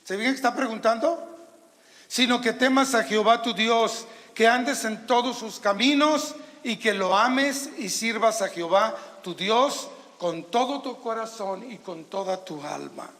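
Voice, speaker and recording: A man's voice: extremely high pitch, a little slow, fairly bright tone, big-room sound. A man with a Mexican accent, a pastor preaching a sermon on a handheld microphone in a church, emphatic and calling out questions to the congregation. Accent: Mexican Spanish. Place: church sanctuary.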